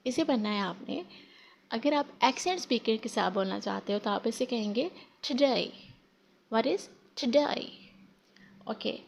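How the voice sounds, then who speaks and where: A woman teaching a spoken English lesson in Hindi, drawing out example phrases slowly and often correcting herself. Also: fairly high pitch, gravelly, slight background noise. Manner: slow drawn-out example phrases, frequent self-corrections.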